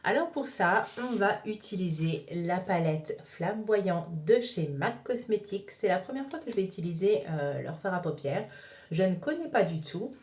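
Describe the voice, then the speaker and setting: A woman's voice: on the low side, animated, normal speed, a little mellow. A woman talking through a makeup tutorial step by step, casual and chatty with frequent fillers. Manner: chatty, explains each step with many fillers. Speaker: makeup vlogger.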